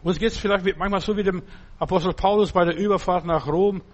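A man's voice: high voice, fairly even intonation, fast, dull audio. A man preaching a sermon, emphatic and repetitive, often turning to the listener to ask if they understand. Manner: addresses listener directly with "verstehst du?".

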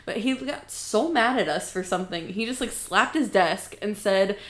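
A woman's voice: medium pitch, normal speed. Chatty young woman in an echoey room. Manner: chatty, laughs often, lots of "like" fillers. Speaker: podcast co-host. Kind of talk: casual chat.

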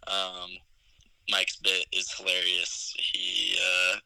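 Deep-voiced young man, sharp tone. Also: completely flat delivery, takes it slowly, creaky, poor audio. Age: 20s. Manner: hesitant, many ums, chuckles while recounting scenes. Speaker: podcast co-host. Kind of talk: casual movie review chat.

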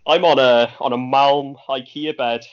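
A Welsh man in a relaxed podcast chat, joking in a dry, easygoing way. His voice sits at an everyday middle pitch. The recording sounds dull and lo-fi, made at home. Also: unhurried. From Wales. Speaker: podcast co-host. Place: bedroom at home.

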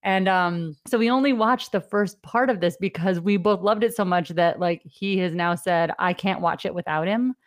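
A middle-aged woman with a slightly low voice hosts a casual podcast interview. She talks in a loose, rambling way, full of fillers and quick laughs. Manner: chatty, laughs often, many fillers. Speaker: podcast host.

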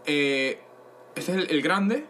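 A young man co-hosting a casual podcast chat, telling animated stories, laughing often and calling his friends bro. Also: on the high side, slow, slight background noise. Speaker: podcast co-host.

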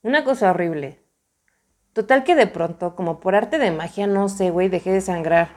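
A woman's voice: medium pitch, moderate pace. A young woman with a Mexican accent telling a personal story in a casual, slangy, emphatic way, often repeating herself. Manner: slangy, emphatic, many repetitions.

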